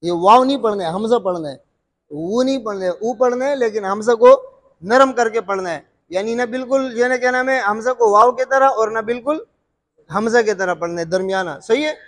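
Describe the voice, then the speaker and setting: A man's voice: sits high, normal speed, big-room sound. A man teaching Quran recitation rules, repeating terms, quizzing his listeners and drawing out sung examples. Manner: frequent filler "what's it called". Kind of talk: explaining recitation rules to students.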